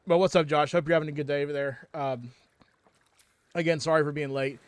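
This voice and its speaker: A man talks over his livestream through a headset mic, his voice a bit higher than most men's. He rambles loosely, breaking off and restarting sentences and filling gaps with ums, the way a streamer chats between moments of play. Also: steady tone, fairly quick, clean tone. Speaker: livestream gamer. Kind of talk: casual stream chat.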